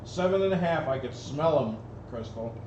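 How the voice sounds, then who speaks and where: A man's voice: on the high side, expressive, normal speed. A man working as an auctioneer at a live auction, calling bids repetitively with folksy, casual banter. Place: auction gallery room, livestream. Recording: roomy, distant mic, dull, noisy.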